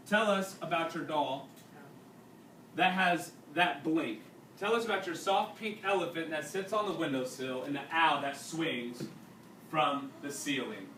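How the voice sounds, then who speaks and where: Reading a story to students, a man explains as he goes and stops to put questions to the young listeners. His voice is on the high side, bright, and forceful. The mic is distant, giving a roomy sound with faint noise.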